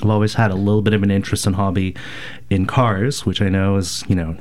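A man's voice: lowish voice, flat delivery, quick pace, darkish tone. A man from rural Alberta in Canada, getting over a cold, giving thoughtful, hesitant answers full of fillers as a guest on a community radio show. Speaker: radio station board president, guest. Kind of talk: casual radio interview answers.

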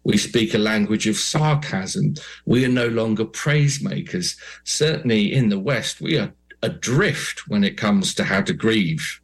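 A British man in his forties, an oral storyteller talking reflectively and eloquently in an interview, in unhurried poetic phrases. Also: fairly low pitch, expressive, husky, low-quality recording. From Britain. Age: 40s.

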